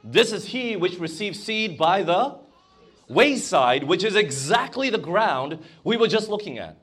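A male preacher delivers a sermon at an unhurried pace and keeps stopping to question his listeners. His pitch sits a little high and swings widely as he presses each point. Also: husky. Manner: lively, emphatic preaching with questions to the congregation. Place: church or conference hall.

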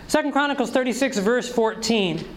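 Male preacher, very high-pitched, emphatic sermon delivery heavy on rhetorical questions. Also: animated, a little slow, slight background noise, poor audio.

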